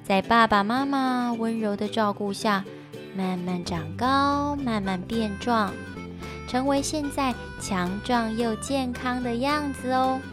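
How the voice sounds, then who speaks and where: Female children's storyteller, gentle and unhurried, slightly high voice. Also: music in the background. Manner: gentle, slow, addressing children. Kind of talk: scripted narration for children.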